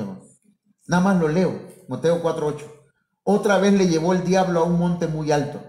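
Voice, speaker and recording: A man's voice: a little high, darkish tone, roomy sound. A man, a pastor, preaching a sermon full of rhetorical questions and acted-out quotes.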